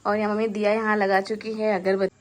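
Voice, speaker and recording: A young woman chatting casually in a family vlog, gently coaxing and asking the same things again and again. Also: mid-range voice, flat delivery, quick pace, rough recording. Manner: coaxing, tender, repeats questions. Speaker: vlogger.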